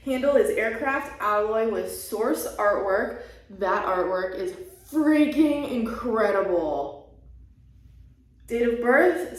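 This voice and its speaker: Excitable woman vlog host, slow delivery, heavy bare-room echo, a little off-mic. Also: fairly high pitch, far from the mic. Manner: gushing and excitable. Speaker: channel host. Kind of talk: casual unboxing vlog. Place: bare, half-furnished room being set up as a studio.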